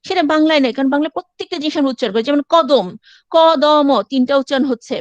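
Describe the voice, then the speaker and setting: A woman's voice: sits high, rapid-fire, darkish tone, no room sound, dull audio. A woman lecturer, explaining step by step in a class and mixing in English phrases. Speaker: university lecturer.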